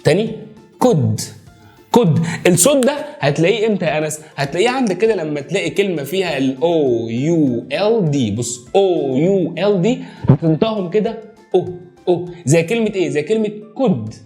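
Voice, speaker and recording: A man with an Egyptian Arabic accent teaching English pronunciation, repeating each word again and again in a lively way. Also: a little high, quick pace, faint music behind. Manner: energetic, drills words by repeating them. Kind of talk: pronunciation lesson.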